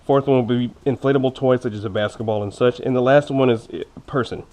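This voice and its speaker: Steady and quick, this man's darkish, mid-range voice carries a slight impediment from the braces he wears. The motorcycle vlogger gives a casual unboxing review of gear, chatty and jokey with informal self-teasing asides, over clearly audible background noise and clicks.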